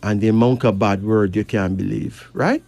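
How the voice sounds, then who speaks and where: A man's voice: on the low side, steady tone, normal speed, vocal fry, a little mellow, soft background music. Man, emphatic card reader. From Barbados. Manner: emphatic, rising questions, dialect grammar. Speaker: host reading cards. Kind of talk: casual chat and card reading.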